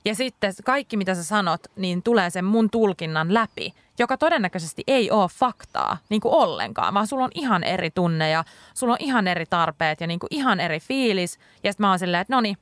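A woman in casual chat who speaks loudly and bluntly and swears freely. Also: mid-range voice, very animated, hardly any pauses, dry recording.

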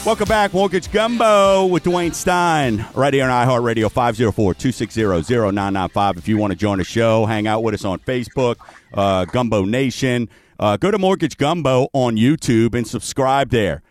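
A man's voice: medium pitch, moderate pace, soft background music. A man from New Orleans hosting a radio show, talking to listeners in a folksy, chatty way. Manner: folksy, chatty direct address. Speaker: radio show host, mortgage professional. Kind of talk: radio talk and sponsor reads.

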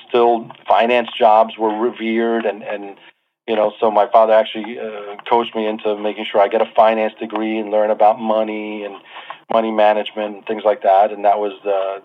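Man in his 40s on a tinny line. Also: fairly low pitch. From Lebanon. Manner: chatty, self-deprecating, many fillers and restarts. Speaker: guest. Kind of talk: casual interview talk.

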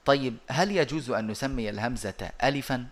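A male teacher works through a lesson over a video call. He speaks in a middling voice, measured and methodical. He often stops on long hesitant sounds before going on. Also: mid-range voice. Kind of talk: explanatory lesson.

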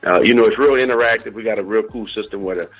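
A middle-aged man from New Orleans in the American South talks informally as an interview guest on a radio call; he's a DJ and company owner. His fairly low, husky voice moves fast, sprinkled with frequent "you know" and "bro," over faint background music and poor audio.

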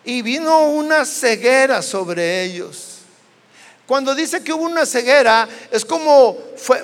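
A man's voice: very high-pitched, a bit bright. A man preaching a sermon in Mexican Spanish, telling a Bible story dramatically and acting out its dialogue. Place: church hall. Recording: long church-hall reverb.

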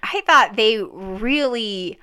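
A woman co-hosting a podcast in casual chat, talking in a chatty, animated way that rises into excited emphasis. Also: on the high side, slow, smooth. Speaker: podcast co-host.

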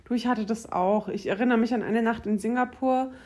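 Eine junge Frau plaudert im Podcast, frech und verspielt mit Zwischenrufen. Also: female voice, a little high, fairly even intonation, brisk, mellow. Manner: cheeky, playful interjections. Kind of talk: casual chat.

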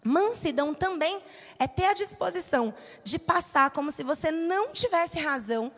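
A Brazilian woman in her thirties preaches with a high, bright voice. She speaks conversationally, telling stories from her own life and voicing the people in them. Her voice carries a long reverb from the church hall. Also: animated, normal speed. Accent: Brazilian Portuguese. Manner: conversational, storytelling with acted-out quotes. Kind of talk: sermon.

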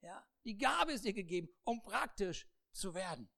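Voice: mid-range voice, very animated, normal speed, gravelly, sharp tone. A preacher giving a humorous sermon, acting out the people in the Bible story and laughing often. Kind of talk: sermon with acted-out Bible scenes.

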